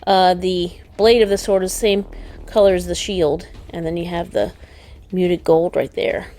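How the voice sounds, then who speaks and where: A woman with a lowish, dark voice speaks in a steady tone at a moderate pace. She co-hosts a casual toy unboxing show, pointing out details in a chatty, enthusiastic way. The recording has faint background noise.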